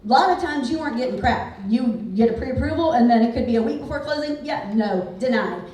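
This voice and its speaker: A woman in her forties gives a candid, conversational motivational talk, peppering it with "like." Her voice sits a little high. She is picked up from a distance in a very echoey hall. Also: fast talker, darkish tone. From Houston, Texas. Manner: candid, conversational, frequent "like" fillers. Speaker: real estate speaker. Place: large event hall.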